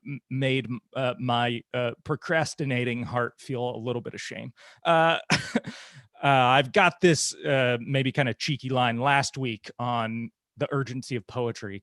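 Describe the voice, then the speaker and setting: A man's voice: mid-range voice, fairly bright tone, dry recording, clean studio sound. Chatty man teaching over a video call. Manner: chatty, self-deprecating, many fillers and restarts. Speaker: guest presenter, poetry teacher. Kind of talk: casual online workshop talk.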